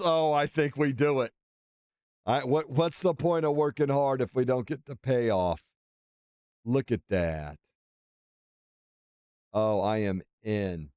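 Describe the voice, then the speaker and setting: A man with a fairly low voice hosts a casual gaming playthrough. He talks in an exclamatory, playfully boastful way, commenting on the game as he plays. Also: dark tone, clear, resonant tone, no echo, studio quality. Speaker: gaming video host.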